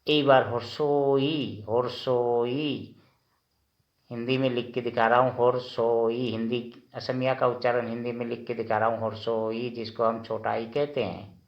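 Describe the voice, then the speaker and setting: A man teaching vowel sounds, saying each sound slowly and repeating it several times. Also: medium pitch, monotone, vocal fry, reverberant, highs cut off. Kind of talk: slow language lesson.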